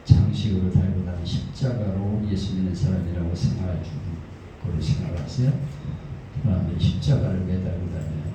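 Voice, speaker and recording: A man's voice: sits low, a little fast. A middle-aged man preaching a conversational sermon as pastor, telling stories and acting out quoted voices. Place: church sanctuary. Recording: echoey, distant room sound with faint noise.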